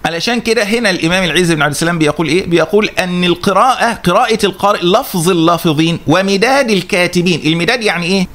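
Egyptian male religious teacher, brisk rhetorical lecture, high and fast. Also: a bit bright. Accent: Egyptian Arabic. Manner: poses rhetorical questions and answers them himself. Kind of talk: religious lecture refuting a critic.

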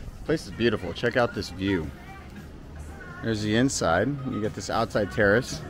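A man talking casually as a travel vlogger, walking city streets and pubs with a handheld camera. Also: lowish voice. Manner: casual, chatty, slangy. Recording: street crowd and music behind.

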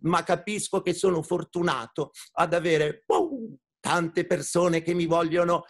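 A man voicing a wise, gentle male dog in a children's story, who barks between his words. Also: a little high, unhurried, gravelly. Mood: tender. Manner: barks "wow, wow" between every few words.

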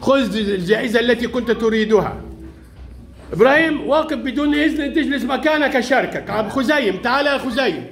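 High-voiced teacher quizzing pupils. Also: male voice, expressive. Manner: brisk, playful, calling pupils by name. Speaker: primary school Arabic teacher. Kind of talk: classroom quiz with young pupils. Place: classroom.

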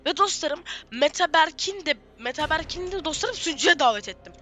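A young gaming streamer, giving frantic, excited commentary in a squeaky, shrill voice and repeating phrases over and over. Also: a little fast.

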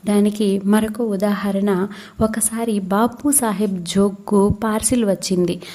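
A woman narrating a devotional audiobook in a steady, explanatory reading style, as a spiritual teacher. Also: mid-range voice.

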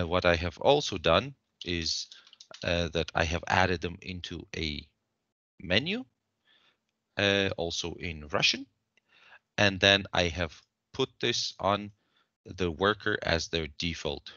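A man walking through a software demo on a screen share, explaining steps in a measured way with frequent fillers. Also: low voice, dry recording, lo-fi sound.

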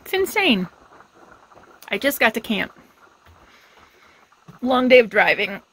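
With a fairly high, slightly bright voice and big pitch swings, a woman in her fifties takes it slowly as she vlogs about RV travel. She chats casually and talks sweetly to her dog, outdoors in a windy high desert and inside her RV. Filmed on a phone at arm's length, the low-quality recording has slight background noise.

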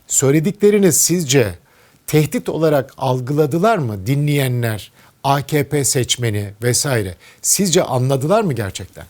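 A man's voice: medium pitch, expressive, moderate pace, a little mellow. A man with a Turkish accent interviewing a guest, asking earnest, probing questions about politics.

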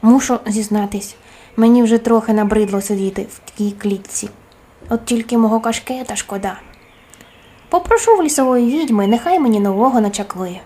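A woman's voice: fairly high pitch, moderate pace, husky. A woman voicing a grumpy, greedy male forest gnome who grumbles and complains in a storybook tale. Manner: grumbling, indignant. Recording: soft music underneath.

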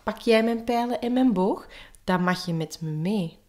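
A woman voicing a brisk, commanding knight father in a storybook, calling out orders. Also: mid-range voice, a little mellow, lightly acted.

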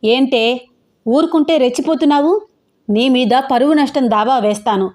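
A haughty middle-aged mother storms through this audio story, shouting and scornful, as a woman narrator puts her on. Her voice sits high and shrill, with a mellow warmth underneath. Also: normal speed, lightly acted. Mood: shouting scornfully.

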